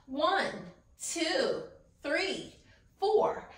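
A woman's voice: extremely high pitch, animated, drawn-out words, a bit bright. A young woman teaching small children in an earnest, upbeat, sing-song schoolteacher manner, asking encouraging questions to camera. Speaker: preschool teacher. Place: small room set up as a classroom, indoors. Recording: roomy indoor echo.

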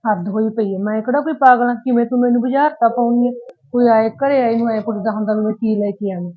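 Woman playing a quick-talking hurt punjabi daughter, tinny phone-like sound. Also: on the high side, steady tone, lightly acted. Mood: aggrieved. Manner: complaining, hurt and emotional. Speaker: married daughter visiting her parents' home. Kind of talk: village short-film acting.

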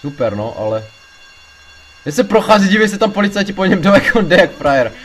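Excitable young-sounding gamer guy swearing. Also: high voice. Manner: excitable, swears a lot, panics loudly in tense moments. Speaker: let's play gamer. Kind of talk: casual gameplay commentary.

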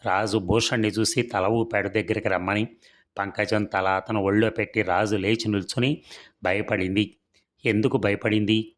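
A man reading a serialized story aloud in a steady, even storytelling manner. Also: fairly low pitch, normal speed.

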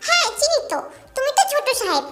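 A woman's voice: very high-pitched, big pitch swings, quick pace, a bit bright, voice pushed up, exaggerated voice. Woman doing a feisty little village girl. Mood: pouty childish. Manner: pouting, scolding, childish. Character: feisty chatty twelve-year-old village girl. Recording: background music under the voice.

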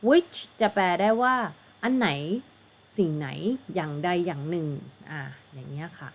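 A woman's voice: fairly low pitch, expressive, normal speed, lo-fi sound, slight background noise. A woman with a Thai accent, an English teacher tutoring for an exam, patiently explaining and spelling words out letter by letter.

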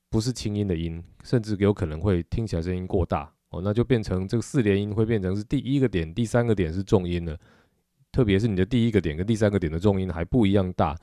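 Man, Taiwanese Mandarin accent, middle-aged, drum teacher, patient explaining, mellow tone, dry recording. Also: fairly low pitch, no room sound. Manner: patient, explanatory, frequent filler particles. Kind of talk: instructional video lesson.

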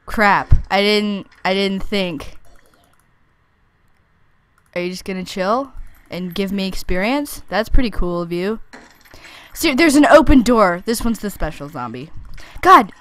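A woman's voice: medium pitch, lively intonation, unhurried. A young woman chatting through her gameplay, answering her own questions and teasing the monsters, with squeals when something surprises her. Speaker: let's play gamer. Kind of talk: casual gameplay commentary.

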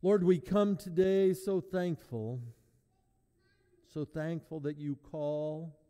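A man serving as pastor, leading a sermon and communion in a measured, prayerful cadence, his voice ringing with a long echo in a large church. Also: fairly high pitch, fairly even intonation, mellow, clean tone. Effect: long echoing church reverb. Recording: long reverb in a large hall.

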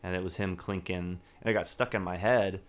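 A man co-hosting a podcast, telling stories in relaxed casual chat with frequent ums. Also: low voice, brisk. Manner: relaxed storyteller, frequent ums and self-corrections. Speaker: podcast co-host.

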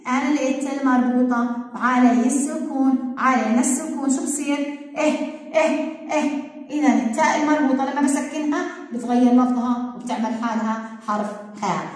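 A woman's voice: high-pitched, fast. A woman teaching first graders, drawing out syllables in a sing-song way. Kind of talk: online classroom lesson. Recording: very echoey hall-like room.

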